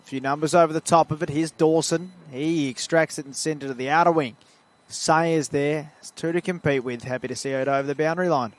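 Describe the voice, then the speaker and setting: A man's voice: a little high, steady tone, brisk, few pauses. A man with an Australian accent calling amateur football play-by-play in a chatty way, rising when play picks up. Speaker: play-by-play commentator. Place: at a suburban football ground.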